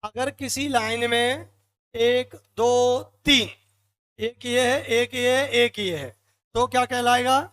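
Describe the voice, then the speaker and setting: Lecturing his class on the meter of poetry, a man who teaches English literature keeps asking questions and supplying the answers himself, tallying the feet one at a time. He speaks slowly in an extremely high, slightly bright voice.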